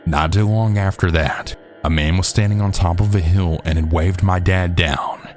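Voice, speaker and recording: A man narrating true scary stories in a steady, measured storytelling voice. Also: sits low. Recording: faint background music.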